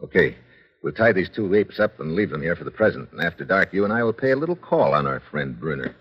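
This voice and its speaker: An actor playing a tough, cocky, slangy reporter in an old-time radio adventure serial, with a sardonic, hard-boiled delivery. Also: male voice, deep voice, big pitch swings, fast talker, in a large hall, very noisy. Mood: businesslike. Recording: dull, lo-fi old radio recording.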